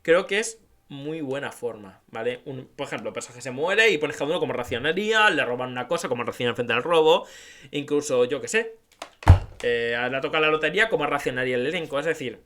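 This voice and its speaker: A man's voice: mid-range voice, lively intonation, fairly quick, bright, forceful tone. A man giving casual advice on writing dialogue, chatty and informal, often checking in with "¿vale?". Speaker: YouTube writing-advice creator. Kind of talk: casual tutorial talk.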